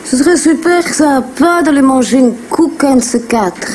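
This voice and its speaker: A woman's voice: high-pitched, moderate pace, a little mellow, slight background noise. A woman carefully repeating phrases in imitation, as a learner in a drill. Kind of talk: repetition drill.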